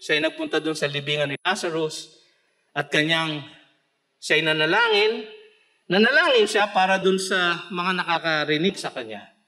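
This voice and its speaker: A man with a Filipino accent preaching a sermon, mixing Tagalog with English scripture quotes and swelling into emphatic shouts. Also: fairly high pitch, moderate pace. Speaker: pastor. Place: church.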